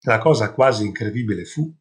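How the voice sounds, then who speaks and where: A man narrating a fairy tale in a measured voice, with wry, conversational asides to the listener. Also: fairly low pitch, animated. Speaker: storyteller.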